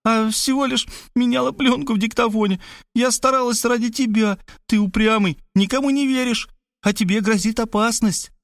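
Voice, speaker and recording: A man's voice: very high-pitched, steady tone, moderate pace, fairly bright tone, no room sound, studio quality, voice pushed up. A man reading an audiobook, voicing a tearful young woman pleading with her brother.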